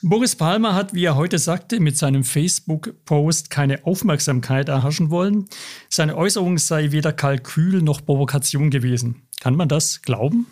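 A man hosting a news podcast, calmly introducing the topic and asking measured questions of a colleague. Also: a little high. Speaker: podcast host. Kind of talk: newspaper podcast interview.

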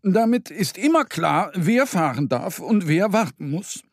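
A man doing a clever high owl. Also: expressive, a little slow, husky, no echo, studio quality, heavily acted. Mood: explaining. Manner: grumpy then explaining patiently. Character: clever sleepy female owl.

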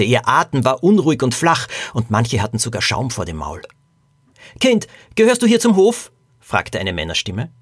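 A man, the author, narrating a storybook for children and then telling how it was made, in a calm storytelling manner. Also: mid-range voice, slightly rough, dry recording, clean studio sound.

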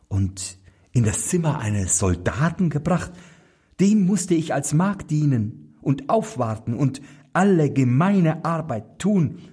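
A man's voice: fairly high pitch, darkish tone, breathy edge, pitched above the performer's own voice, heavily acted. A man voicing a tired young princess recounting her strange dream, in a fairy tale reading. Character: young princess, weary and dazed.

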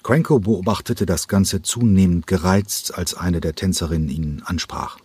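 A man narrates a novel at a steady, measured pace. His voice is low and somewhat husky, recorded dry and close with no room sound. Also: dry recording. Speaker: audiobook narrator. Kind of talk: scripted narration.

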